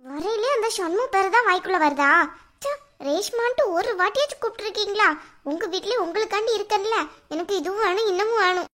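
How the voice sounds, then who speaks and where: Very high-pitched tearful young woman. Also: quick pace, a bit bright. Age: young adult. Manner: tearful, pleading. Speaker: scheming young wife-to-be in a home drama. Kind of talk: Tamil family drama acting. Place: indoors at home.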